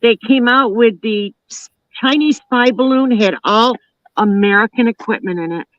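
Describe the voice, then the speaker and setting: A woman's voice: fairly high pitch, normal speed, no room sound. Chatty woman host, dull dry sound. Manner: chatty, rambling with many "you know" and "like". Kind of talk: casual chat on a live online show.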